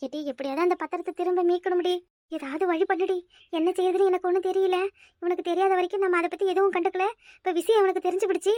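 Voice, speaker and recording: Cartoon: a woman playing a fretful older mother-in-law, Kanyakumari Tamil accent, very high voice, quick delivery. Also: fairly even intonation, mellow, no room sound, clean studio sound. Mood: worried. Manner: fretful, scolding. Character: older village mother-in-law, anxious and bossy. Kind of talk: cartoon voice acting.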